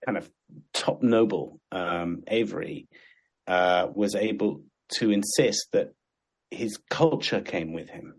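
A man's voice: low-pitched, slow pace. An older man from Sudan, reminiscing in a casual chat with many restarts and frequent laughter. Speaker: actor and guest.

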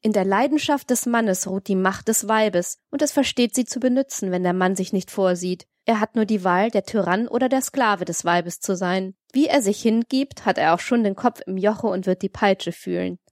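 A woman's voice: mid-range voice, moderate pace, few pauses, darkish tone, no room sound, studio quality, lightly acted. A woman reading the part of a domineering, worldly man who lectures with ironic liveliness in an audiobook. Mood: lively lecturing. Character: domineering worldly man, mocking, tyrannical toward women.

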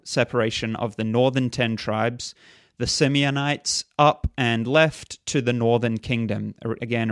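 Measured man presenting a dry studio talk. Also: mid-range voice, no room sound. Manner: measured, reads quotations aloud. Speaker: program presenter. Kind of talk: scripted religious history talk.

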